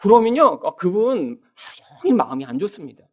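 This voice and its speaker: Male pastor, sermon delivery, high voice that swings widely, addresses the church directly. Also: a little fast. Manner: animated preaching, often addresses "여러분", acts out quoted voices. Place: church sanctuary.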